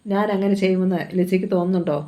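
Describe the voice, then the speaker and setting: A woman reading the lines of a scheming male killer who coaxes a woman with low, persuasive talk. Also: flat delivery, rapid-fire, mellow, natural voice. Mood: coaxing. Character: scheming smooth-talking male killer seducer.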